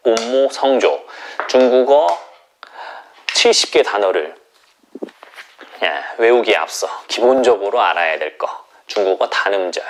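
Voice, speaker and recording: Lively Korean-speaking male language teacher. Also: on the low side. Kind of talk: online language lesson.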